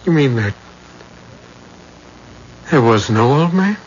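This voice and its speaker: An actor playing a meek, earnest, bewildered shopkeeper and husband, hesitant and stammering, in an old-time radio drama. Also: male voice, mid-range voice, animated, slow pace, slightly rough. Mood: bewildered, insistent. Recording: muffled, noisy old radio recording.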